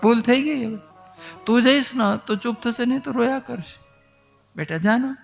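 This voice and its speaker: A man's voice: very high voice, moderate pace, creaky, faint music behind, voice pushed up. A male storyteller voicing a doting village father who soothes and pleads in a devotional tale. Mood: pleading. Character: doting village father, stern then soft.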